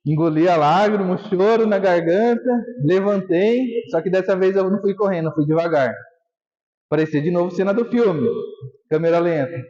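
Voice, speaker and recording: A man's voice: high voice, moderate pace, mellow, in a large hall. A man giving an emotional motivational talk on stage, telling his story and acting out remembered scenes. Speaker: motivational speaker. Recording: dull lo-fi live stage recording.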